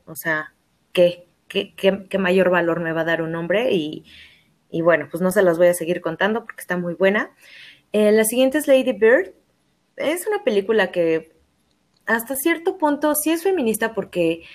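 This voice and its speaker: A woman with a Mexican Spanish accent hosting a podcast, casual and slangy as she recommends films. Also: medium pitch. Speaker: podcast host. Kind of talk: casual chat.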